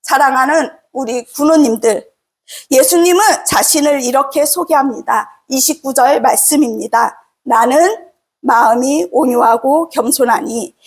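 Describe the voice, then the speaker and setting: High-voiced woman preaching gently. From South Korea. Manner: gentle, soft-spoken, slows for quoted words of comfort. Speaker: Salvation Army officer preaching. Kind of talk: sermon.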